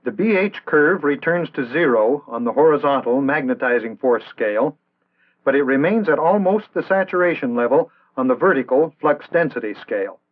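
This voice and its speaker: An American man delivers scripted instructional narration in the measured, formal, didactic style of an early 1960s training film, his mid-range voice still animated. The sound is tinny and band-limited, like a vintage 1960s film soundtrack.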